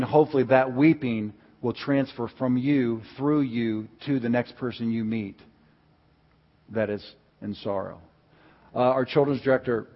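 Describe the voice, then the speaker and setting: A middle-aged man preaching a sermon as a pastor, moving from a calm telling voice up to loud, impassioned preaching. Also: medium pitch, in a large hall, dull audio. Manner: builds to impassioned, near-shouting preaching. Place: church sanctuary.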